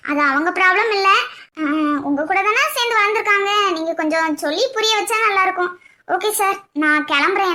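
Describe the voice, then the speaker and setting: A woman's voice: very high voice, bright, forceful tone. A woman voicing a bold young college student from a village in a cartoon, speaking bluntly and with self-assurance.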